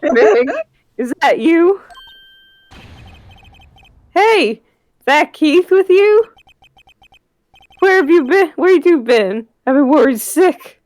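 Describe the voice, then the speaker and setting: A woman's voice: high-pitched, lively intonation, slow pace, long pauses, a little mellow, no room sound, pitched above the performer's own voice. A woman voicing a grumpy, doting old Southern man who runs a shop, in an amateur game dub. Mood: worried, fussing. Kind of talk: amateur video game dubbing.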